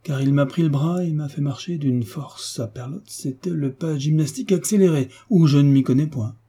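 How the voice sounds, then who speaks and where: Chatty landlord for a storybook, raised pitch and a husky edge, read by a man. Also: normal speed, dark tone. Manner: chatty, emphatic, folksy. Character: fussy, talkative middle-aged male landlord.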